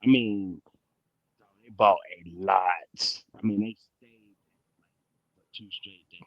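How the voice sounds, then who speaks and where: A man's voice: fairly low pitch, takes it slowly, no echo. A man in laid-back casual chat, drawling with lots of fillers, his voice cutting in and out over a bad call line. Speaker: vendor and show regular. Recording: muffled, lo-fi call audio dropping out.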